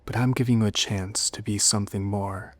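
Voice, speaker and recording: A man voicing a seductive, menacing female demon in a horror story, coaxing and cryptic, with soft whispered turns. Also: on the low side, fairly even intonation, a little fast, no room sound, close to an everyday voice. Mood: calm, persuasive.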